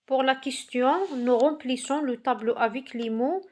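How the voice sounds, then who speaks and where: A woman teaching Spanish, reading vocabulary slowly one word at a time and explaining in French. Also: high voice, a little mellow. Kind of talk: slow classroom vocabulary reading.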